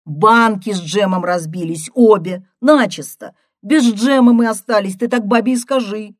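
A woman voicing an excitable young woman who chatters loudly and quickly in a high voice, read in an audiobook. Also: no room sound, clean studio sound, close to an everyday voice. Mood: excited. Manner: shrill, breathless and fast.

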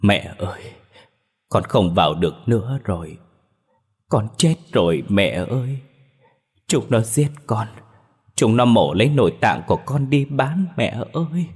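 A man voicing the weeping ghost of a young man in a horror story, sobbing and pleading softly. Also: fairly low pitch, lively intonation, a little slow, long pauses, breathy edge, in a large hall, voice pushed up, full character voice.

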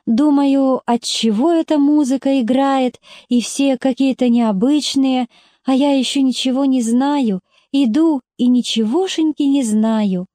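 A gentle, dreamy young woman speaks in a soft, wondering, high voice, as a woman reader puts her on. The tone is mellow and the sound is dry and close, like a storybook read aloud. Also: measured pace, no echo.

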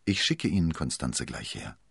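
A kindly older abbess, soft and full of pity, speaking in a low, husky voice, as a male narrator plays her. She sounds guileless and warm-hearted, a storybook nun. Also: big pitch swings, normal speed, dry recording, studio quality, exaggerated voice. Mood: compassionate. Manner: gentle, pitying.

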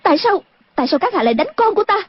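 A woman voicing a distraught middle-aged mother in a martial-arts story, pleading and shrill, in a dull lo-fi recording. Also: big pitch swings, very fast. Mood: frantic.

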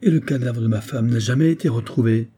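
A man's voice: medium pitch, fairly quick, warm tone, husky, natural voice. A man reading an audiobook voices a grieving young army captain who speaks in a grave, subdued way.

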